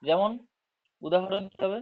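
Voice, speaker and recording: A man teaches an online class with a slightly raised voice, going over points slowly and checking in with his students again and again. He stretches example words out syllable by syllable. The audio is dull and lo-fi, as from a computer mic. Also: high voice, fairly even intonation. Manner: explains slowly, checks understanding with frequent tag questions; drawls words out syllable by syllable when demonstrating.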